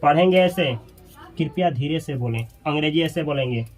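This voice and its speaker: A man with a Hindi accent teaching a classroom lesson, often asking the class questions and drawing out example sentences slowly. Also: on the high side. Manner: drawn-out slow examples.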